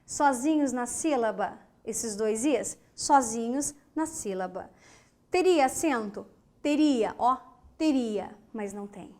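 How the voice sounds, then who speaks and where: A woman's voice: fairly high pitch, lively intonation, darkish tone. A woman from Brazil teaching an online grammar lesson, speaking emphatically, asking questions and answering them herself, and spelling words out syllable by syllable. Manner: slow, emphatic, asks and answers her own questions.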